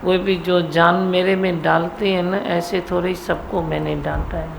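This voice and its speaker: Speaking slowly and gravelly to her devotees at satsang, this middle-aged spiritual guru alternates between scolding and teasing them. Her voice is lowish with little pitch movement, and faint noise hums in the background.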